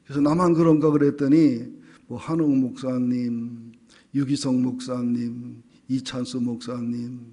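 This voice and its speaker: A man preaching a Sunday sermon as senior pastor, reading scripture aloud and voicing its complaints, dropping at times to hushed asides. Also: medium pitch, slightly rough. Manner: animated preaching, reads scripture then voices Moses' complaints, drops to hushed asides. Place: church sanctuary.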